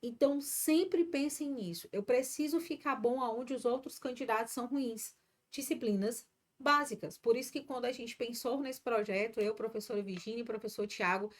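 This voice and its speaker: A woman's voice: a little high, normal speed, a bit bright. A middle-aged woman from Ceará, teaching a live online grammar lesson and chatting encouragingly with her students. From Ceará, Brazil.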